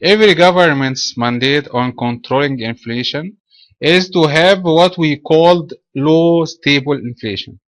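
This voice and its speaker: A man from Egypt presenting a trading webinar in a measured, explanatory way. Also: a little high, dry recording.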